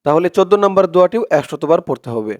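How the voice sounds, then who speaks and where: A man with a Bangladeshi Bengali accent teaching a prayer routine step by step, reciting Arabic phrases slowly and repeating each count patiently for his viewers. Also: sits high, lively intonation, a little mellow, no room sound, highs cut off. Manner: repetitive, patient, addresses viewers directly. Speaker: religious teacher. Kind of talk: step-by-step instruction.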